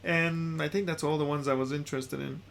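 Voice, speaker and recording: A man with a slightly high voice, chatting casually as a podcast co-host. He sounds laid-back and laughs easily. A faint hiss sits under the recording. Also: steady tone, brisk, gravelly, a bit bright. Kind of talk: casual chat. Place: home room.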